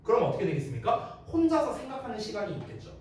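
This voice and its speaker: A man teaches an exam-prep English class in a casual, teasing way, often checking whether his students are following. His voice sits high and swings widely in pitch. The sound is very echoey, with the mic set well back from him. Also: huge pitch swings, very fast, darkish tone. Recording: echoey room, mic at a distance.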